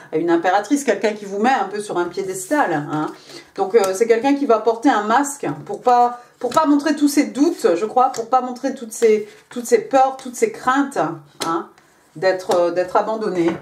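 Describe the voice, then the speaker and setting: A woman's voice: mid-range voice, darkish tone. A woman giving a casual tarot reading, talking chattily with many fillers and little tag words. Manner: chatty, many fillers and "hein" tags, switches to English card text. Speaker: tarot card reader.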